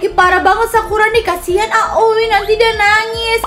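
A woman's voice: very high-pitched, steady tone, moderate pace, a bit bright. A woman voicing a timid young schoolgirl who speaks in a fearful, whiny way.

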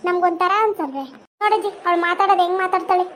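A voice actor doing an indignant quarrelsome village wife. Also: female voice, very high-pitched, steady tone, fast talker, fairly bright tone. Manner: indignant, complaining, argumentative. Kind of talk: cartoon voice acting.

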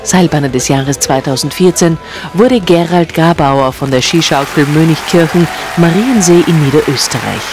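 A man reading a scripted news voice-over in an upbeat, measured tone. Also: on the high side. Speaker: news narrator. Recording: narration over music and crowd chatter. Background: music and crowd noise.

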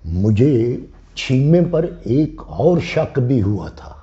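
Slow, sing-song man. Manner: slow, rambling storyteller with lively swings in pitch. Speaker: comic village character in a health talk. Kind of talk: rustic comic banter. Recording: dull lo-fi sound.

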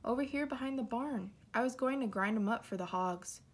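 A woman voicing a friendly male farmer bear in a storybook, speaking cheerfully and a bit higher. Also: brisk, slightly rough.

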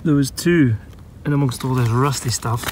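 A man's voice: medium pitch, moderate pace, darkish tone, slight background noise. Chatty Scottish man digging outdoors. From Scotland. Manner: chatty, enthusiastic, thinking aloud. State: out of breath at times. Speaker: bottle digger and vlogger. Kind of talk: casual commentary while digging. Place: outdoor dig site.

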